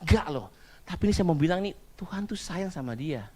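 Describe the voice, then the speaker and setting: A man's voice: high voice, expressive, fairly quick, a little mellow, husky. A man in his thirties preaching a casual sermon, telling stories about his small child in a chatty way and slipping in English phrases and slang.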